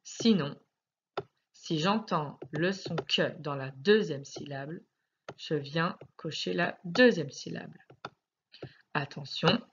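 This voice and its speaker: A woman teacher with a French accent, giving a recorded phonics lesson to young children, speaking slowly and articulating every word with sing-song emphasis. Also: lowish voice, breathy edge, lo-fi sound. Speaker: primary school teacher.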